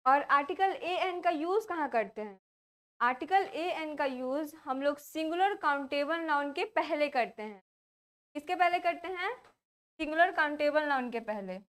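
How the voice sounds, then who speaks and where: Indian lady teacher, high voice, explains grammar step by step, keeps asking then answering her own questions. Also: lively intonation, normal speed, fairly bright tone. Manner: asks questions and answers them herself, repeats key points. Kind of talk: classroom lesson explaining grammar.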